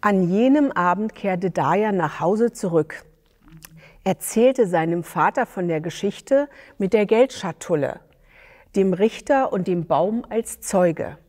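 Slow woman storyteller in a hall. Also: mid-range voice, lively intonation, darkish tone. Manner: slow, deliberate. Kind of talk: slow fairy-tale reading. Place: embassy hall.

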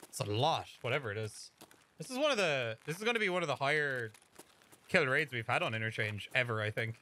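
A young Irish man streaming a shooter game with a friend, excitable, swearing and laughing at himself. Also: mid-range voice, a little fast. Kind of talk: gameplay commentary with a friend.

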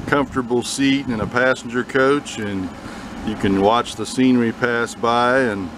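A man's voice: mid-range voice, fairly even intonation, measured pace, noisy background. A man filming and narrating, asking upbeat, prompting questions in a casual chat. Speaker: videographer and narrator. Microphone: camera mic behind the camera.

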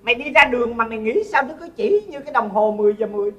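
A woman's voice: a little high, animated, rapid-fire, lo-fi sound, faint music behind, natural voice. A woman playing a fussy middle-aged mother, who scolds and complains in a comedy sketch. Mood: scolding.

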